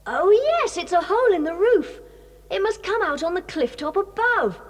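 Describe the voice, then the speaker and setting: In a 1980s audio drama, a woman plays Julian, the sensible boy who leads the other children, sounding earnest, bossy and in charge. Her voice is very high with big pitch swings at normal speed. The recording is a hissy old cassette tape.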